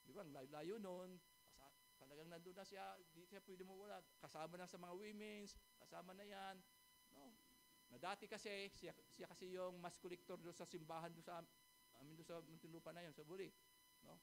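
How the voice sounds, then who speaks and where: A man's voice: high-pitched, fairly even intonation, normal speed, a little hiss or hum. A man preaching a sermon, telling a testimony story and often asking his congregation "amen?" and "di ba?".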